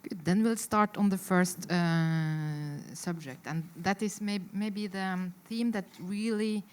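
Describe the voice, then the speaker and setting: Low-voiced woman moderating a panel. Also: takes it slowly, a little mellow. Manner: searching for words, thoughtful.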